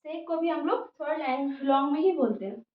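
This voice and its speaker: A woman teaches spelling and pronunciation, breaking words apart letter by letter and pausing to ask "okay?" between steps. Her voice is high. It sounds muffled and roomy, picked up from some distance away. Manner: spells words out letter by letter, repeats "theek hai" often. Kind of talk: English spelling and pronunciation lesson. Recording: muffled, echoey room, voice from a distance.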